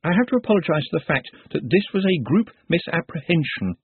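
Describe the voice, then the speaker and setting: A precise, elaborately polite helper who speaks in formal, careful sentences, as a male reader voices him. The voice is softly husky and comes through dry and phone-thin. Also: a little high, sing-song, a little fast, no echo, pitched above the performer's own voice, full character voice. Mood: apologetic. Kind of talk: audiobook character voice. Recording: tinny lo-fi dry recording.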